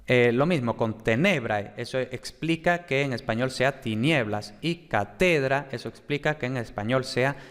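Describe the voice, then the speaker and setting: A man giving a relaxed, chatty lecture on Latin, full of fillers and little tag questions. He slows down to spell out syllables in his examples. His mid-range voice rings with a long reverb. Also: mid-range voice, clean tone. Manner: sounds out syllables slowly for examples. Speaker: Latin teacher. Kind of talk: casual spoken lecture.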